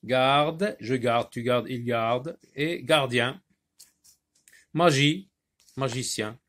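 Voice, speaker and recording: A man teaches a reading lesson at an unhurried pace, breaking words into syllables and naming each letter. His voice sits at a middle pitch for a man, and he speaks with care. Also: a bit bright. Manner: slow, deliberate, spells out letters and syllables.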